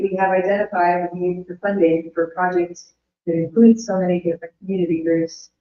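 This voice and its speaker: A woman giving an earnest, measured academic presentation, her voice going hoarse. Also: lowish voice, warm tone. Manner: earnest, measured, rhetorical lists. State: losing her voice. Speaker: invited speaker. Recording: roomy, dull remote audio.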